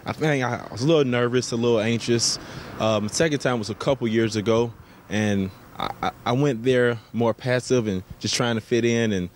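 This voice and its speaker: With a medium-pitched voice at normal speed, this American athlete, a pro basketball player, responds to interview questions in a relaxed, thoughtful, somewhat hesitant way. Background ambience noise comes through clearly.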